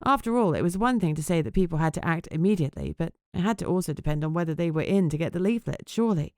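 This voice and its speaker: Wry, self-mocking vampire journalist, read by a woman in a low-pitched voice, first-person storybook narration, dry close sound. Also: animated, fast, darkish tone, dry recording, close to an everyday voice. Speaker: audiobook narrator.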